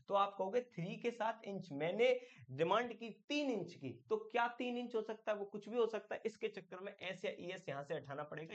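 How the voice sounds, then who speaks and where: This is a chatty man teaching English grammar for exam prep, asking questions and supplying the answers himself while calling the viewer "my friend." His voice is high-pitched and the audio is dull.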